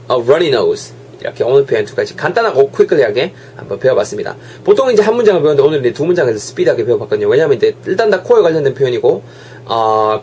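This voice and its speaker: Lively young male teacher. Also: mid-range voice, a little hiss or hum. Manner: energetic, drills phrases by repetition. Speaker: English teacher. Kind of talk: online English lesson.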